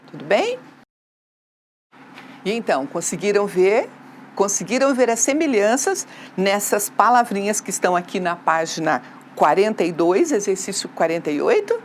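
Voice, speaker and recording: A woman's voice: medium pitch, slight background noise. A Brazilian woman teaching a remote school lesson, asking the class questions and answering them herself, with frequent tag questions. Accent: Brazilian Portuguese.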